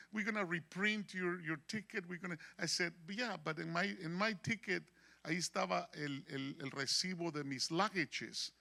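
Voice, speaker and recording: High, bright-voiced preacher telling a story. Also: male voice, vocal fry. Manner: animated storyteller acting out quoted dialogue. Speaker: pastor. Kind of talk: sermon with storytelling. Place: church in San Diego.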